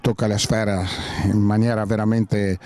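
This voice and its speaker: A man's voice: lowish voice, level tone, moderate pace, warm tone. A man doing live play-by-play football commentary, hesitant with many fillers and rising sharply on chances.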